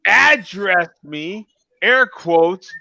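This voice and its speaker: A man's voice: high-pitched, animated, drawn-out words, creaky, bright, forceful tone, no room sound. A man in his fifties hosting a casual live web show over a video call, joking and teasing his regulars, often repeating words when he gets going. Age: 50s. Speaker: show host.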